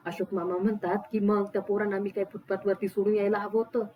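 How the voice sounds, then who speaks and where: A woman narrating a TV serial recap as a steady, scripted reading, voicing the dialogue in her own plain way. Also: medium pitch, quick pace, phone-quality sound, a little hiss or hum.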